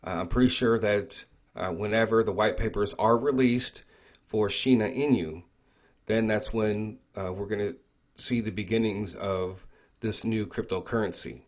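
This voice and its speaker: A man's voice: fairly low pitch, a little slow. A man hosting an online talk, speaking conversationally with many fillers and frequent "right?" check-ins. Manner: reads quoted prophecies aloud. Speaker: crypto channel host. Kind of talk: casual talk to camera.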